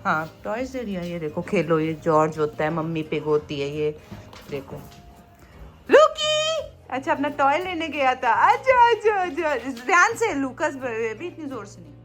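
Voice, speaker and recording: A woman's voice: mid-range voice, very animated, moderate pace, fairly bright tone, soft background music. A woman in her thirties filming a home vlog, coaxing and doting on her small children and slipping into English. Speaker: vlog host and mother. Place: home indoors.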